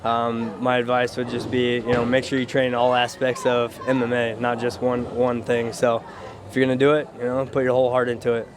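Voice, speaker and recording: A man's voice: mid-range voice, monotone, brisk, a crowd in the background. A man who is a fighter, answering interview questions casually in a modest, matter-of-fact way. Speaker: professional MMA fighter.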